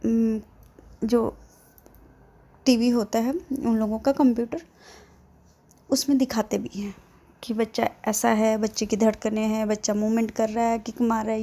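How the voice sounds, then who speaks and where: A woman's voice: on the high side, vocal fry, warm tone. A woman storyteller casually retelling a drama plot in a chatty, digressive way, full of fillers.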